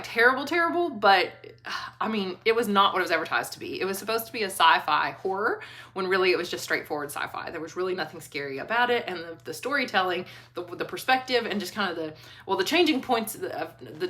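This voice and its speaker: Woman, casual book vlogger, animated and giggly, clear bright tone. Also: fairly low pitch. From Kentucky. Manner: chatty, animated, laughs often, trailing restarts. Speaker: school librarian book reviewer. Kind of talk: casual book review vlog.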